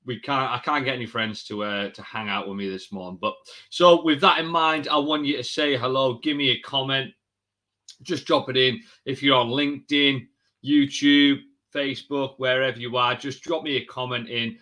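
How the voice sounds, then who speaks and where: A man hosting a live session for coaches, chatty and energetic, calling viewers mate and guys. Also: mid-range voice, moderate pace. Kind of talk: casual live-stream talk to viewers.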